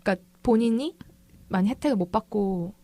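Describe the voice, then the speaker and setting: A woman hosting a podcast, leading a relaxed conversation about a film. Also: medium pitch, fairly quick, no room sound. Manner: leads the talk, agreeable, brief reactions. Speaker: podcast host. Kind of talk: casual film discussion.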